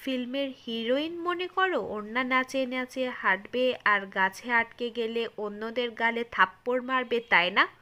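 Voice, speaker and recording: A woman's voice: on the high side, moderate pace, hardly any pauses, pushed and bright. A woman voicing an arrogant, hot-tempered young male student who speaks angrily through gritted teeth. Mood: angry.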